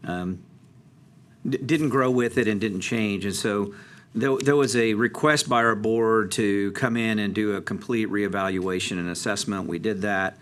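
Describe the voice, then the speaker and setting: A man giving a casual, conversational update to a city council, with many fillers and restarts. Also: lowish voice. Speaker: transit district presenter. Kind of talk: council presentation.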